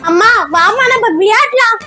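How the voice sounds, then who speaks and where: A woman's voice: very high voice, normal speed. A woman playing a sulky, jealous girl who feels unloved, talking in a whiny, pleading way in a comedy sketch. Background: loud background music.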